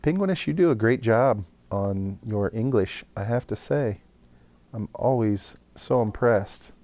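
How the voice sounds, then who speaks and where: Streaming a building game live, a man thinks aloud as he builds and chats casually with viewers. His fairly low, darkish voice is animated at a measured pace. There is no room sound.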